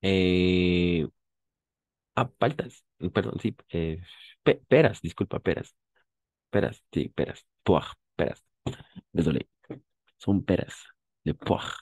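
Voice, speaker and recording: Male French teacher, very deep, unhurried, patient corrections, dry close sound. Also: expressive, a little mellow, no echo. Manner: patient, repeats and corrects pronunciation, mixes in Spanish explanations. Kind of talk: language class instruction.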